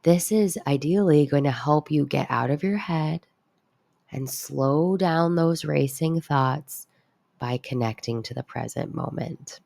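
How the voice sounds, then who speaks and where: A woman counselor leading a calm grounding exercise in a deliberate, instructive way with casual asides. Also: low-pitched, creaky, no echo. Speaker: mental health counselor guiding an exercise.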